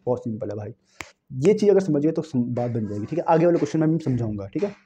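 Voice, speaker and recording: A young man giving an animated exam-prep math lecture, repeating key phrases and talking to students as friends. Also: a little high, quick pace. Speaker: math teacher.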